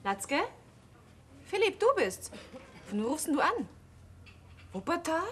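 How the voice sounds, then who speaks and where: A defiant young waitress. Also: female voice, high-pitched, big pitch swings, unhurried. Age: young adult. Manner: defiant, outspoken. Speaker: waitress, innkeeper's daughter. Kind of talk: 1960s TV drama acting. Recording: old TV soundtrack with faint hiss.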